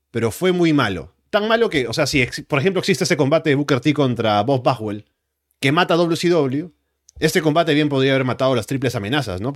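A man recapping and reviewing wrestling as a show commentator, in a measured, matter-of-fact way. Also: medium pitch, no room sound, studio quality.

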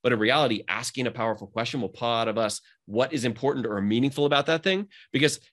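Fast-talking motivational male coach. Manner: energetic, motivational, rising pitch when emphatic. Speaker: mindset coach. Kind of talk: casual podcast conversation.

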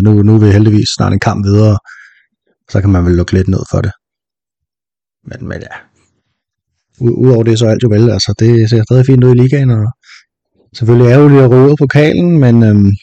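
A man speaking as a guest panelist on a casual football podcast, relaxed and wry, with many hesitations. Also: lowish voice, dry recording.

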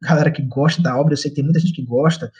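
Racing along with fairly even intonation, this young man speaks in a voice that is on the high side with a darkish tone. He's a Brazilian comics artist and adaptation co-author with a Brazilian Portuguese accent, chatting loosely in an interview with many fillers and tag questions.

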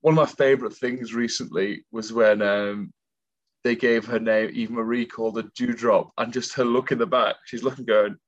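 Man, podcast co-host, chatty, storytelling, mid pitch, slightly dull lo-fi sound. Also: fairly even intonation, moderate pace. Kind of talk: casual podcast chat.

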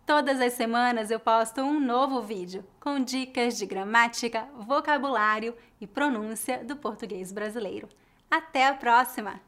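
A woman from Brazil hosts an online language lesson, her voice sitting a little high. She speaks clearly and deliberately, shaping each word with care for her learners. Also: fairly bright tone. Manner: clear, carefully articulated teaching delivery. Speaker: language teacher.

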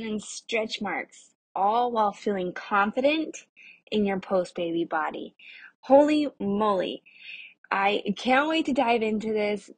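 A young adult woman with a husky voice, hosting a podcast in a casual, chatty way and talking to listeners like friends. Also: a little high, no room sound. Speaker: podcast host of a nutrition show for mothers. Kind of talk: casual solo podcast talk.

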